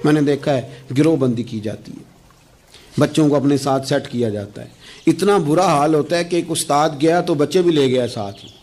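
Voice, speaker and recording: A man preaching a sermon. He talks with passion and repeats phrases for emphasis. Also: darkish tone. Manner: impassioned, repeats phrases for emphasis, voice swells high on key points.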